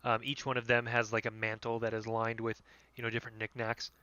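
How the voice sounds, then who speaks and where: A man's voice: mid-range voice, monotone, fairly quick, bright, forceful tone, clear, resonant tone, highs cut off. A man running a tabletop game as game master, narrating loosely and descriptively.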